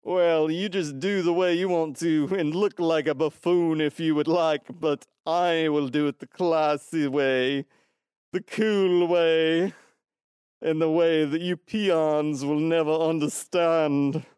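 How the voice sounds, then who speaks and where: A man's voice: on the high side, fairly even intonation, darkish tone, clear, resonant tone, no echo, studio quality, voice pushed up. A man putting on a haughty voice as a pompous snob who thinks he is cooler than everyone. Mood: snooty. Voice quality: haughty, drawn-out sneering delivery.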